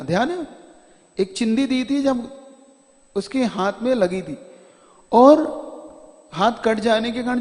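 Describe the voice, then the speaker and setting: A male monk tells a devotional story as a sermon, earnest and often emphatic. His voice sits high for a man. A long hall reverb surrounds it. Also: a little mellow. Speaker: monk preacher.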